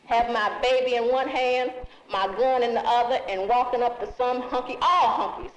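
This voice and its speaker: A woman's voice: a little high, moderate pace, a little hiss or hum. A woman activist giving an impassioned, angry and blunt speech. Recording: roomy lo-fi 1960s film sound.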